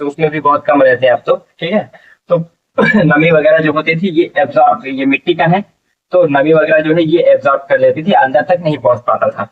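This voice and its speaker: A man teaching an English vocabulary lesson, explaining slowly and repeating each word, asking questions and answering them himself. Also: medium pitch, distant mic, narrow, tinny audio.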